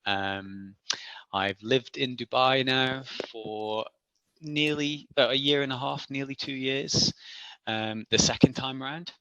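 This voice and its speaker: A man's voice: mid-range voice, takes it slowly, fairly bright tone, smooth. A man, a podcast guest telling his story in a chatty, self-deprecating way with frequent laughs. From Isle of Man. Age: 40s. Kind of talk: casual interview storytelling.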